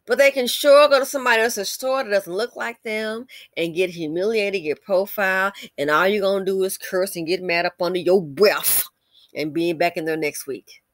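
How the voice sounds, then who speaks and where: Her voice is mid-range and steady, moving at normal speed with no echo. An American commentary channel host, she reads out comments and answers them with blunt, scolding opinions, emphatic conversational asides and rhetorical questions.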